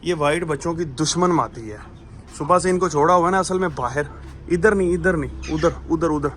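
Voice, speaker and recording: A man's voice: fairly high pitch, fairly quick, a bit bright, a little hiss or hum. A man, chatting casually to viewers and to his birds as he shows them in their outdoor pens. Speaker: bird keeper showing his birds. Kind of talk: casual vlog talking to viewers.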